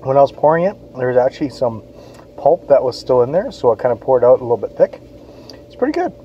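This Western Canadian dad talks fast in a medium-pitched voice with big pitch swings, reviewing a beer informally on a patio outdoors and reading out the label. The highs are cut off, with a little hiss or hum.

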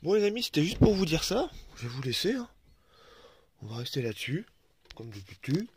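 A man's voice: a little high, big pitch swings, a little fast, background noise. Chatty man vlogging with his dogs. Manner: chatty, swears freely, coos at his dogs. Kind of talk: casual vlog chat. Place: outdoors with dogs.

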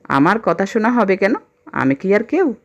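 A woman's voice: mid-range voice, big pitch swings, normal speed, dull audio, a little hiss or hum. A woman voicing a playful young village husband who teases and coaxes his wife. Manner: teasing, coaxing.

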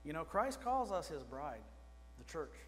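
A middle-aged man preaches from a pulpit in a small church. His voice sits a little high, and he talks to the congregation in a plain, conversational way, asking them questions. The room's long reverb trails behind his words, with a faint electrical hum underneath. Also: sing-song, unhurried. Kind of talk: sermon. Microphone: pulpit microphone.

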